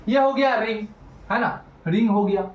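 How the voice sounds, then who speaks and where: A man teaching a physics lesson, animated and teasing, talking straight to his students. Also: high-pitched, moderate pace, echoey room, muffled recording. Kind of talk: classroom lecture.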